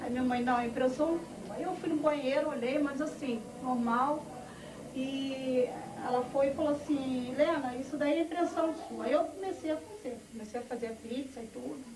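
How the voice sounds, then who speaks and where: A woman's voice: high voice, fairly quick, background noise. A middle-aged woman giving a personal testimony, telling her story with quoted family dialogue. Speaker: church testimony speaker. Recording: echoey, from far off, music behind.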